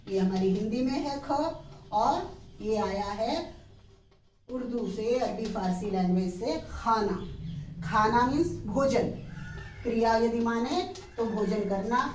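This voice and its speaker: A middle-aged woman teacher with a slightly high voice takes her grammar lesson very slowly. She stretches out words for students to copy and keeps checking whether they follow. She sits back from the mic, and the room echoes around her. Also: far from the mic, slight background noise. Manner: slow, drawn-out word-by-word pronunciation drills; checks in with students, asking "clear?". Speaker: Hindi teacher.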